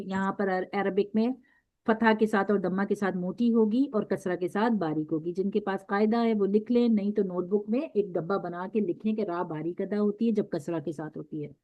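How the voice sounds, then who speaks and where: Patient woman teacher drilling syllables. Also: medium pitch. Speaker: Quran recitation teacher. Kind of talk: classroom instruction. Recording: dull lo-fi recording.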